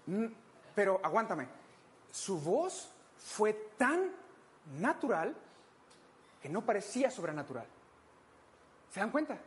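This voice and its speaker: A woman's voice: medium pitch, sing-song, slow pace, pauses often. A woman with a Mexican accent preaching a conversational sermon, playful and jokey, acting out little scenes for her listeners. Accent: Mexican Spanish.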